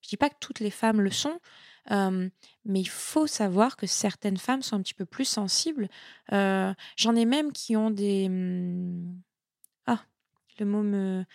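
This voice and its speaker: Woman, nutrition expert guest, chatty and lively, gravelly voice, dry close sound. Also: medium pitch, unhurried, no room sound. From Italian heritage. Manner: lively, chatty, repeats words when thinking. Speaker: sports nutritionist, podcast guest. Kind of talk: casual interview talk.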